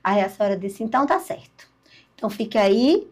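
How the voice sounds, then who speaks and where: An older woman, a podcast guest telling her story in a lively way and acting out the dialogue. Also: mid-range voice, fairly quick, breathy edge. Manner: lively storyteller, acts out dialogue, laughs at herself.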